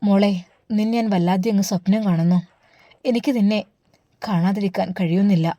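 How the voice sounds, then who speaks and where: A woman's voice: mid-range voice, moderate pace, warm tone, no room sound, natural voice. A woman doing a tender anxious older mother. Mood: worried. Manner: tender, pleading, affectionate. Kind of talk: storybook dialogue.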